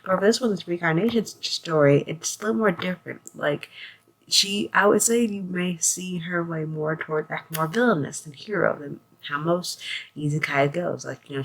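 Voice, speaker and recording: A woman with a deep, slightly bright voice hosts a casual spoken review, opening with a scripted synopsis before shifting into loose, conversational phrasing peppered with fillers like "like" and "you know". The recording is rough.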